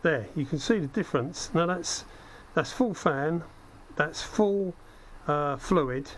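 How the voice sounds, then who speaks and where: The audio is poor, from a head-mounted action camera with steady background noise from the workspace. A man with a slightly high, croaky voice affected by a cold speaks slowly as a hobbyist host demonstrating spray gun equipment. He's casual and conversational, thinking aloud and making self-deprecating asides as he works.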